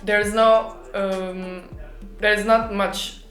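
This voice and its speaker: A woman's voice: mid-range voice, flat delivery, extremely slow, a bit bright. A young woman from Turkey with a Turkish accent, answering interview questions informatively as an international student. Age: young adult. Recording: roomy echo, music behind.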